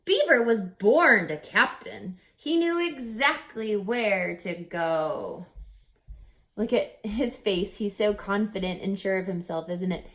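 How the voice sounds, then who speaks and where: A woman with an expressive, medium-pitched, slightly bright voice reads a picture book to young listeners. She's deliberate and instructive like a teacher, pausing dramatically and asking them questions.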